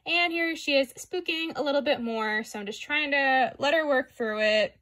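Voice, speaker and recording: A young woman talks casually over her own riding footage in a voice-over. Her tone is bright and clear. She is chatty and self-deprecating and often drops in "like". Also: sits high, moderate pace. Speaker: equestrian vlogger.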